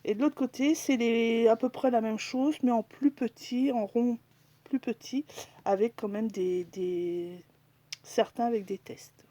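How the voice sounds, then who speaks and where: Woman doing a craft haul, slow easy talk, lots of euh, goes whispery sometimes. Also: a little high, fairly even intonation, dark tone, dry recording. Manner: chatty, hesitant, with many fillers. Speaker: crafting vlogger. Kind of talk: casual haul video.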